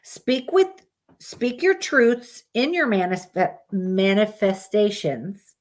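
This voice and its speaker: A woman with a mid-range voice and big swings in pitch reads monthly horoscopes slowly on a live stream. She keeps it plain and casual but breaks off to swear in blunt asides.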